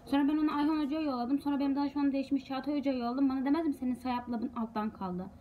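Higher-pitched young woman venting to camera. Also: steady tone, rapid-fire, dark tone, slight background noise, rough recording. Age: young adult. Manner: frustrated, rambling venting. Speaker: university student vlogger. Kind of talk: casual vlog talking to viewers.

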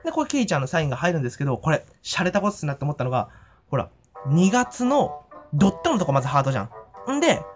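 Giddy, rambling man with lively pitch. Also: very fast, faint music behind. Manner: frequent giggles and fillers. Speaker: fan vlogger. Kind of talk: casual event report vlog. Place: at home after the event.

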